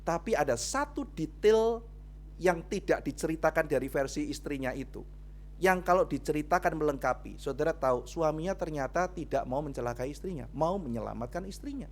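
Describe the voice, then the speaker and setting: Pastor guy preaching to a youth service, voice on the higher side, swings loud and soft as he tells stories and keeps talking right to the crowd. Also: a little fast, slight background noise. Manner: animated storytelling, often addressing listeners as brothers and sisters. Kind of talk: sermon.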